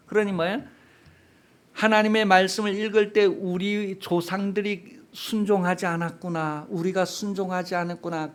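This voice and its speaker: Man, pastor, emphatic sermon, rhetorical questions, slightly high voice. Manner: emphatic preaching with rising shouts and rhetorical questions.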